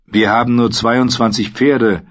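A man's voice: medium pitch, steady tone, unhurried, highs cut off, close to an everyday voice. A man voicing a ranger reporting respectfully to his lord, in an audiobook reading.

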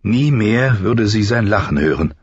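A man narrating an audiobook in a measured, even storytelling manner. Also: lowish voice, slightly rough, dull audio.

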